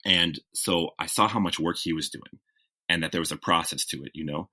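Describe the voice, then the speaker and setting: Speaking fairly quickly in a low, bright and forceful voice, a guest TV writer recounts stories during an interview. He's reflective and self-correcting, and he says "like" and "you know" a lot.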